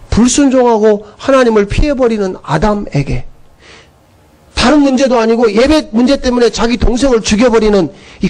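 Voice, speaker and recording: Man, middle-aged, pastor, sermon, very high voice, storytelling, acts out quoted dialogue. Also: darkish tone. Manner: storytelling preacher who acts out biblical dialogue in shifting voices.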